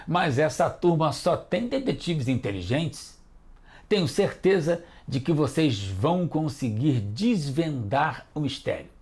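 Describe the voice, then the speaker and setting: A man's voice: fairly high pitch, a little mellow. A man hosting a children's educational TV lesson, patiently encouraging the kids as detectives. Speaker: teacher and host.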